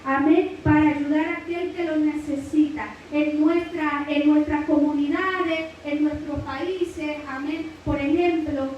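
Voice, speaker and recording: A high-pitched woman from Mexico with a Guerrero accent teaches a Bible lesson in preaching style. She fills it with "amen," praise phrases and calls of "brother." The voice comes from a distance in a heavily reverberant church hall with a faint hiss underneath. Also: steady tone, measured pace, hardly any pauses, a little mellow, dull audio. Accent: Mexican Spanish, Guerrero.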